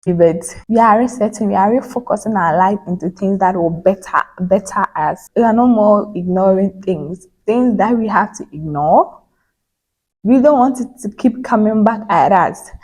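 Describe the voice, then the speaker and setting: A woman's voice: mid-range voice, moderate pace, a little mellow, slightly rough. Earnest young woman vlogging to her phone. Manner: earnest, repeats phrases for emphasis. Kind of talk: casual reflective vlog monologue. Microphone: phone back camera.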